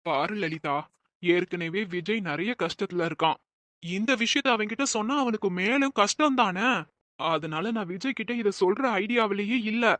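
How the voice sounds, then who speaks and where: A woman playing a calm steady husband. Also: mid-range voice, dry recording, studio quality, lightly acted. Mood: reassuring. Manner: reassuring, measured.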